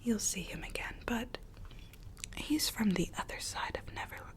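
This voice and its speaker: A woman playing a weary, gently coaxing Alice from Wonderland in a soft, breathy ASMR roleplay whisper. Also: medium pitch, lively intonation, natural voice. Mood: soothing, coaxing. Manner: slow, hushed, repeats words soothingly.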